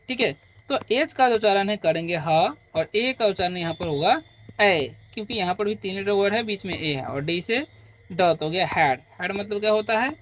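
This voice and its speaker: A man teaching beginner English, explaining slowly and patiently and answering his own questions again and again. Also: high voice, fairly bright tone, a little hiss or hum. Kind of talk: beginner language lesson.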